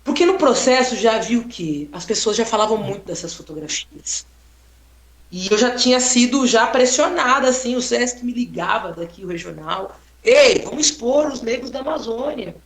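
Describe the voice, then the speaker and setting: A woman photographer telling a story in a casual, expressive way, exclaiming often and tagging sentences with "né?". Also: a little high, normal speed. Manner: expressive, exclaiming, frequent "né?" tags. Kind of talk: casual storytelling on a live stream. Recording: roomy echo.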